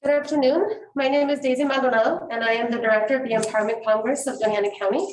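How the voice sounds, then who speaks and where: A woman's voice: fairly high pitch, rapid-fire. A woman directing a community organization gives prepared public testimony at a meeting, earnest and emphatic, repeating key words for weight. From New Mexico. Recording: echoey meeting room, faint noise.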